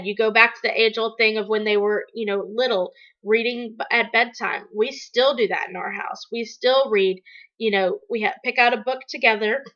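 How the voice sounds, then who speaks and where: A woman's voice: fairly high pitch, bright, forceful tone. A middle-aged woman talking casually to viewers as a parent, explaining advice with everyday examples in a slightly dull lo-fi recording. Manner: conversational, explanatory, illustrating with examples. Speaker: parent giving tips in a video.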